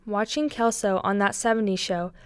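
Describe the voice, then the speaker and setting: A woman narrating a short documentary and interviewing its subject, reading her script in an even, read-aloud way. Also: medium pitch, normal speed, smooth, no room sound.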